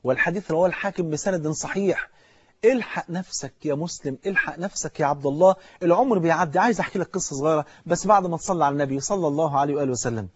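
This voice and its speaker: A man's voice: fairly high pitch, racing, no room sound, dull audio. A man with an Egyptian Arabic accent preaching a sermon, fervently urging the listener directly.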